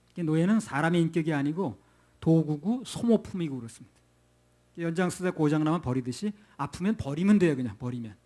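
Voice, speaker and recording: A middle-aged man preaching in a relaxed, chatty way. He keeps throwing rhetorical questions at his listeners. His voice sits a little high for a man. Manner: conversational, folksy, with rhetorical questions. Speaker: pastor. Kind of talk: sermon.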